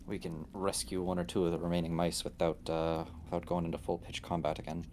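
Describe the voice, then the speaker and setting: A man's voice: sits low, flat delivery, a little fast, darkish tone, a little hiss or hum. A man playing a tabletop game, cautious and weighing the options aloud. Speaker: player. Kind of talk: casual tabletop play.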